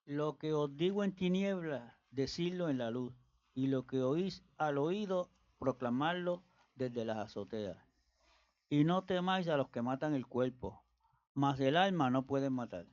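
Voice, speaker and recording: A man reads Bible passages aloud at a steady, measured pace. The sound is dry with no room around it. The recording is dull and lo-fi. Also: mid-range voice, dry recording. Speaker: scripture reader.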